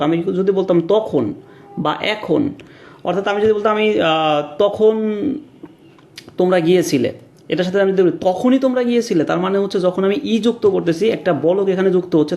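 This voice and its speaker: A man's voice: sits high, creaky, darkish tone. A man giving an exam-prep grammar lecture over slides, explaining step by step with many fillers and rhetorical questions, dropping in English words. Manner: mixes English words into his talk. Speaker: grammar teacher.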